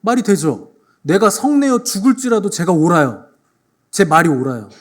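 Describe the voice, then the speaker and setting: A sulky, stubborn prophet whines and insists he is in the right, as a man acts him out in a sermon. His complaints come out indignant and petulant. The male voice runs somewhat high. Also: sing-song, normal speed.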